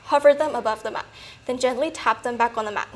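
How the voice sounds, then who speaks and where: A woman coaching a workout in a peppy, encouraging manner, a little breathy from exertion. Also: a little high, fast talker. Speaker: fitness coach. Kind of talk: workout instruction.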